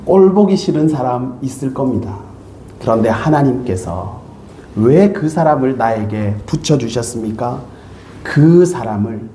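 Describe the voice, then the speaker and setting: A man's voice: mid-range voice, warm tone, a little hiss or hum. A middle-aged male pastor preaching a sermon, earnest and repeatedly calling out to his congregation. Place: church sanctuary. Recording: echoey church sanctuary.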